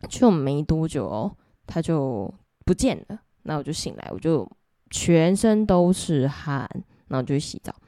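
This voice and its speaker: A woman's voice: sits low, sing-song, measured pace, warm tone, dry recording, clean studio sound. A young woman with a Taiwanese Mandarin accent hosts a podcast. She tells a ghost story in a casual, chatty way and speaks straight to her listeners. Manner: chatty, addresses listeners directly. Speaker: podcast host.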